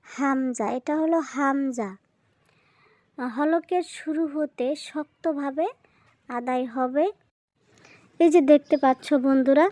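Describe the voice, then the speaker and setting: Woman teacher voice, pretty high, takes it real slow, spells syllables out and says them twice. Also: a little mellow, dry recording. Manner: patient, spells each syllable and repeats it. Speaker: Quran reading teacher. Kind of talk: slow spelling-drill lesson narration.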